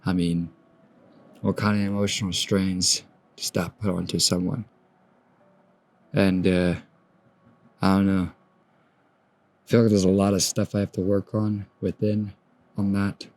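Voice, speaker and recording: A young man in his twenties with a fairly low voice talks slowly through his thoughts on his own podcast. He muses softly, trails off and starts sentences over, recorded outdoors at sunrise. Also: level tone. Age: 20s. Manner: soft-spoken, musing, trails off and restarts. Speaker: podcast host. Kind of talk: reflective solo podcast monologue.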